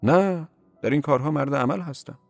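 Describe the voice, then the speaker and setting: A gloomy young man who answers bluntly and briefly, as a male reader plays him. His voice stays near the reader's own, set a little high. The audiobook recording is dry and close. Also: creaky, dry recording, faint music behind. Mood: curt, gloomy.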